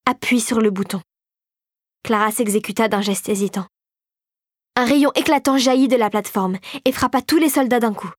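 A woman reading a children's fantasy audiobook aloud in a steady, expressive storytelling manner. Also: fairly high pitch, a little fast, no room sound, studio quality. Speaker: audiobook narrator. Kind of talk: scripted narration.

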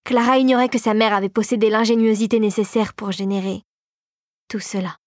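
A woman narrating an audiobook story in a calm, even storytelling manner. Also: medium pitch, fairly quick, no echo, studio quality.

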